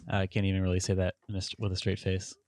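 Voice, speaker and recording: A man's voice: low voice, a little mellow, dry recording, clean studio sound. A man hosting a podcast in casual conversation, joking, chuckling often and reading passages aloud. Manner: chuckling, jokey, reads aloud. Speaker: podcast host. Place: Seattle home.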